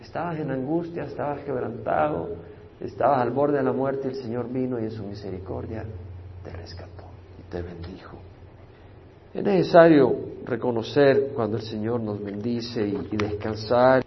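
Male pastor, Bible study sermon. Expressive: loud scripture reading, soft asides. Middle-pitched voice, slightly muffled recording with faint noise. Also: moderate pace. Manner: explains Hebrew words with English glosses.

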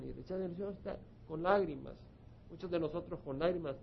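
Male pastor, fairly high voice, passionate sermon delivery that swells and drops, slightly dull recording. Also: breathy edge. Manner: impassioned preaching, swinging from soft to loud.

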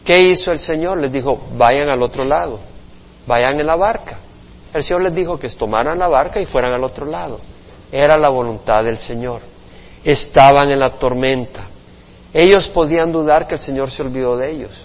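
A male pastor giving a Bible study sermon, earnestly preaching with rhetorical questions and swinging from emphatic to hushed. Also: medium pitch, normal speed, long reverb tail, highs cut off.

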